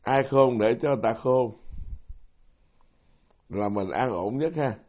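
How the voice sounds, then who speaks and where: A man's voice: mid-range voice, unhurried, darkish tone. A middle-aged man, a Buddhist monk giving a folksy, self-deprecating dharma talk who keeps putting questions to his audience. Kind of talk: sermon.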